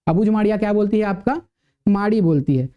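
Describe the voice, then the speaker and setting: A man's voice: sits high, fairly quick, clear, resonant tone, muffled recording. Man lecturing, quizzing and repeating. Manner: asks the class questions and answers them himself, repeats key words. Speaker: teacher. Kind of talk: classroom lecture.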